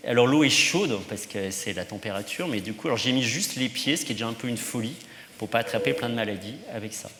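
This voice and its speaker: A man's voice: medium pitch, fast. Priest, male, casual and rambling with asides; roomy reverberant hall sound. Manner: chatty, many fillers and asides. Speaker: priest giving a teaching. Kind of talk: informal talk to teenagers.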